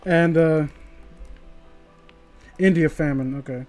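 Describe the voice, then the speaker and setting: A slightly tipsy man livestreams, chatting loosely and swearing as he reads online horror stories aloud. His voice is fairly high and darkish, and he takes his time. Faint music plays in the background.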